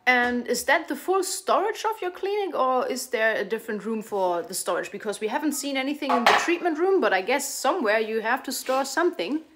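A woman interviewer asking brisk, prompting questions off camera. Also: high voice, lively intonation, noisy background.

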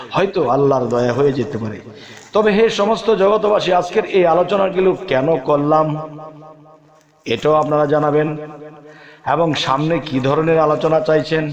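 A man's voice: fairly high pitch, highs cut off. A middle-aged man preaching a devotional sermon, asking rhetorical questions and voicing prayers with rising emphasis. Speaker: spiritual preacher.

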